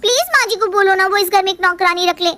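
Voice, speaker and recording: Woman doing a worn-out young wife, pleading, complaining, very high voice, storybook. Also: quick pace, bright, forceful tone. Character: tired, upset young wife.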